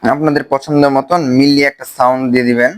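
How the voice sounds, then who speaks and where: A man with a Bangladeshi Bengali accent, casually explaining a phone video-editing app step by step, with pauses as he clicks. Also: medium pitch, steady tone. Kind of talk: screen-recorded software tutorial.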